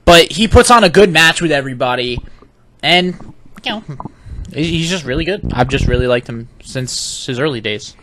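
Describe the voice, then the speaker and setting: A young man co-hosting a podcast, telling stories in a casual, animated way. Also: on the high side, normal speed, background noise. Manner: animated storyteller, laughs often. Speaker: podcast co-host. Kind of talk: casual chat.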